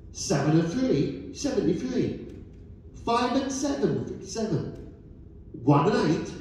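A man calls bingo in a high, swooping sing-song, repeating numbers in a set pattern. His delivery is measured and cheerful, heard from a distance across a very echoey, noisy hall. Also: warm tone. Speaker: bingo caller. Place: bingo hall, over the caller's sound system, recorded from a player's table.

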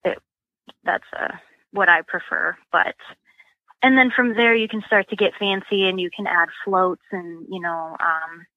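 A woman's voice: medium pitch, fairly even intonation, measured pace, no echo, muffled recording. A woman guest explaining catfish rigs and bait in a casual, practical way, full of ums and you-knows. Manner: chatty, practical, many fillers like um and you know. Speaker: guest, sponsored catfish angler.

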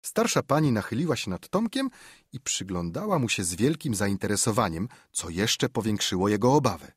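A man narrating an audiobook with expressive storytelling into a studio mic. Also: on the low side, brisk, husky, dry recording. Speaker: audiobook reader. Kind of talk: scripted narration.

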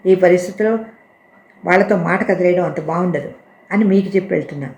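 A woman voicing a pushy middle-aged female relative who talks loudly and insistently, boasting. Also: lowish voice, a little fast, close to an everyday voice. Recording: roomy echo.

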